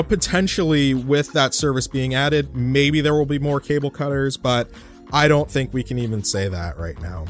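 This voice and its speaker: A young man hosting a solo podcast, talking in a loose, chatty way with plenty of fillers and restarts. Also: medium pitch. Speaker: podcast host. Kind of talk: casual solo podcast talk.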